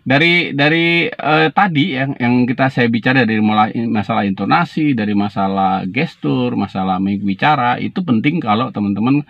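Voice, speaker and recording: A man from Indonesia talks through a sales lesson for trainees, rambling and restarting with plenty of fillers. His voice sits at an ordinary middle pitch. The recording is slightly dull and dry, close to the mic. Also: normal speed, creaky, no room sound. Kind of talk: casual spoken lesson to camera.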